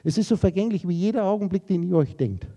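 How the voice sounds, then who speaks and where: A man's voice: high voice, lively intonation, fast talker, dark tone. A man giving a spiritual lecture to a live audience, rambling through associative wordplay on names and letters and talking to his listeners directly and informally. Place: lecture room.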